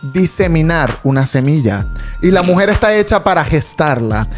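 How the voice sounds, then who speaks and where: A man with a Venezuelan accent in casual chat, animated, joking and arguing his point. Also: on the high side, normal speed, faint music behind.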